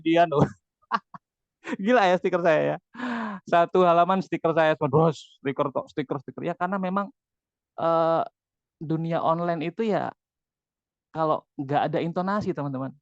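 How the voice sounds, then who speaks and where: A man's voice: high voice, no echo, highs cut off. Chatty man leading an online training. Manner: lively, chatty, addresses the audience often. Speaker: business team leader giving a training. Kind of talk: motivational training talk.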